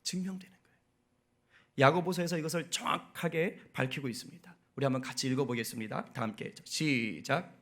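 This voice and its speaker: A man preaching a Sunday sermon as pastor. He asks the congregation questions and answers them himself, and builds to loud, emphatic preaching. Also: medium pitch, brisk.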